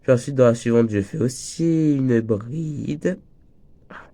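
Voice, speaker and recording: A teenage boy with a breaking voice and a slight cold chats his way through a crochet tutorial, joking around and drifting off topic. His mid-range voice is gravelly and dark, and he takes it slowly.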